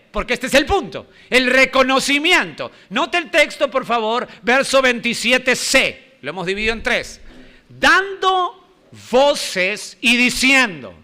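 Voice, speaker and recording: A man's voice: extremely high pitch, pushed and bright. A male pastor preaching a sermon, emphatic, repeating key phrases and quizzing the congregation.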